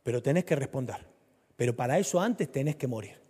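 A man with a Rioplatense Spanish accent preaching a sermon, swinging between loud, urgent lines and soft, low ones. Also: lively intonation, fairly quick, slightly rough. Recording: reverberant hall.

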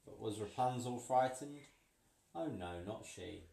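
A man reading a picture book aloud to a child, playful and pausing so the child can finish sentences. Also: fairly low pitch, expressive, creaky, mellow. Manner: playful, pauses for the child to fill in words. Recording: roomy, from a distance.

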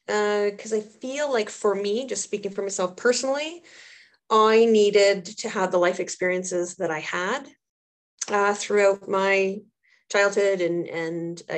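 A trauma therapist and social worker, a woman in her thirties or older, answers questions as an interview guest. Her medium-pitched voice has vocal fry, and she speaks earnestly and reflectively, repeating phrases for emphasis.

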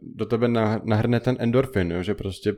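A man's voice: fairly low pitch, darkish tone. A young man in casual chat, adding to a shared story and swearing freely.

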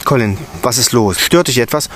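A man narrating a first-person story in a lively, expressive way, with muttered asides to himself. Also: medium pitch, normal speed, a little hiss or hum.

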